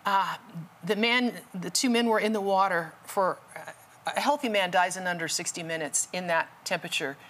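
A woman's voice: lowish voice, normal speed, fairly bright tone. A woman guest telling a dramatic rescue story as a testimony, then urging listeners with preachy passion. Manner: impassioned, preachy. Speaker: guest speaker.

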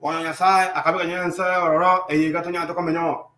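Male sermon interpreter, high monotone voice, echoes each line, roomy church sound. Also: fast talker, a little hiss or hum. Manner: echoing each line in call and response.

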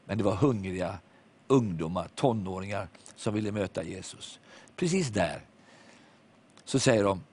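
A man preaching a sermon, telling a story with animated quoted voices and sudden hushed moments. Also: fairly low pitch, pauses often, breathy edge. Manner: drops to hushed tones at reflective moments.

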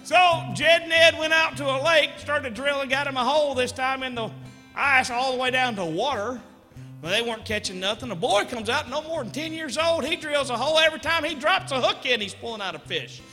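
Folksy, bright-voiced male joke teller. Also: very high-pitched, big-room sound, faint music behind. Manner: folksy, rambling, drawn-out delivery. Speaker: comedic storyteller. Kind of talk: live stand-up joke telling.

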